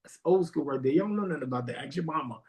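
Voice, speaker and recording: A man hosting a podcast who tells a story in a casual monologue, animated, repeating phrases and jumping high when he quotes himself. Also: racing, faint music behind. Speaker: podcast host.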